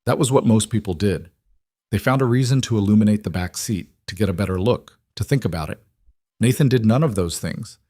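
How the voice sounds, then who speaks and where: A man reading a scripted story in a calm, measured, soft-spoken way. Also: on the low side, no echo, clean studio sound.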